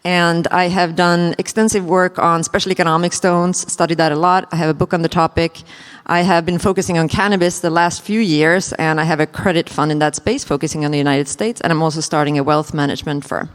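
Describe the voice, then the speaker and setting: Woman, smooth lower voice. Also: steady tone, brisk, long reverb tail. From Sweden. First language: Swedish. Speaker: panelist, investor. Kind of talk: conference panel introduction.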